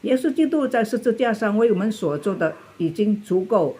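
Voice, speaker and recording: A woman summing up a sermon in a calm, measured way. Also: medium pitch, breathy edge. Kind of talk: sermon summary.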